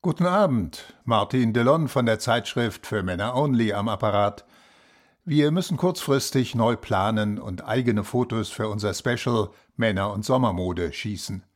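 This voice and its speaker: An actor playing a businesslike male magazine editor who leaves a polite, hurried voicemail in a scripted language-lesson dialogue. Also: on the low side, animated. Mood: polite, urgent. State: leaving a voicemail.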